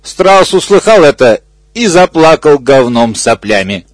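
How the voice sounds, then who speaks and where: A man's voice: fairly high pitch, very animated, measured pace, no echo. A man reading an obscene comic story aloud in a matter-of-fact way. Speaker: reader.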